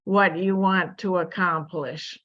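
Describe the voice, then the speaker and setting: A woman panelist speaking slowly and deliberately in a talk discussion. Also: on the low side, fairly even intonation, a bit bright. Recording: dull lo-fi audio.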